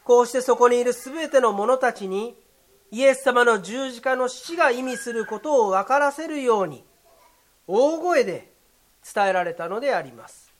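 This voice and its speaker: A pastor delivering a sermon in a measured, formal way, with occasional short fillers. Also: mid-range voice, lively intonation.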